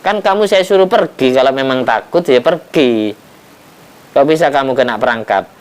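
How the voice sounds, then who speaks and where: A wise old prophet king, as a preacher puts him on, patiently scolding in a clear, resonant male voice. He asks pointed questions, rising in pitch as he chides. It sits inside a spoken religious storytelling lesson. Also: normal speed, natural voice. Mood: chiding. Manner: chiding, questioning.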